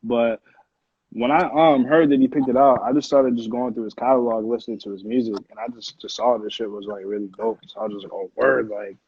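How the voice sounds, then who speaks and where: A music producer from Connecticut, an American man, talks brisk and casual as an interview guest, with slang and plenty of "like". His mid-range voice is steady with a breathy edge, on dull, lo-fi audio.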